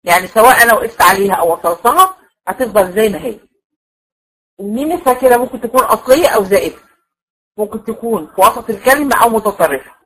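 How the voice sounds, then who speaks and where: A woman's voice: on the high side, expressive, quick pace, a bit bright, low-quality recording. A woman with an Egyptian Arabic accent teaching a Quran recitation class, explaining each point step by step and repeating it to check that it is understood. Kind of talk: classroom lecture.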